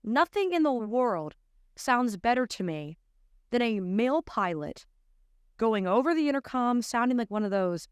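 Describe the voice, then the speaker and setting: A twenty-something American woman, working as a commentator and host, speaks to camera with emphatic incredulity in an unhurried way. Her fairly high voice swings widely in pitch and has a clear, resonant tone, recorded dry on a close arm-mounted studio mic in a small indoor studio.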